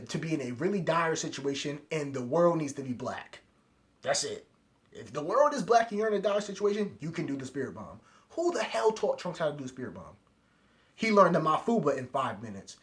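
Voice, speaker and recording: A man's voice: fairly high pitch, slight background noise. A man ranting about an episode in a casual, exasperated, rambling way as an anime reviewer. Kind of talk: casual video rant.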